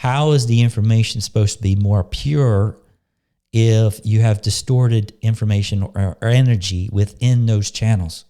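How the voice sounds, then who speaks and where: A man leading a guided meditation, talking slowly and softly in an unhurried, calm way, pausing and restarting phrases. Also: on the low side. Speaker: spiritual teacher leading a meditation. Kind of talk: slow, soft-spoken guided meditation talk.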